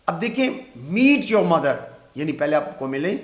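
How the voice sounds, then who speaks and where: Pakistani guy teaching english, kinda high voice, says the examples super slow, roomy echo. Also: sing-song. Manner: explains step by step, repeats example sentences slowly. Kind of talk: spoken English lesson. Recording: echoey room.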